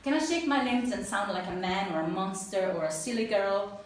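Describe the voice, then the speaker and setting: Speaking to an audience in an event room, an Italian-accented woman shares a personal talk and answers questions afterward. She's earnest and animated, laughs readily, and uses a mid-range voice at normal speed, captured from afar in an echoey room with faint noise.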